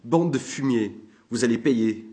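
A man's voice: fairly low pitch, fairly even intonation, moderate pace, close to an everyday voice. A man voicing a drunken, brutish soldier sergeant who bellows and hurls insults, in a storybook reading. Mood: furious.

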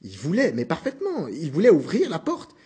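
A man narrating a novel in a measured, subdued reading voice. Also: a little high, wildly swooping pitch, mellow, slightly rough.

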